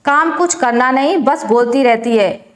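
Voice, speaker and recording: A woman's voice: high voice, measured pace. A woman voicing a stern older mother-in-law who scolds sharply and nags, in a spoken moral story. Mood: scolding. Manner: sharp, nagging. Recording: roomy echo.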